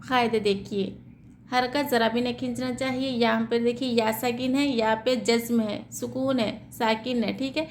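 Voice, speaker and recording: A woman teaching tajweed, spelling out letters slowly and explaining the reading rules, checking in with "theek hai" as she goes. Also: fairly high pitch, little pitch movement, slight background noise. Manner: slow, drawn-out syllable-by-syllable spelling.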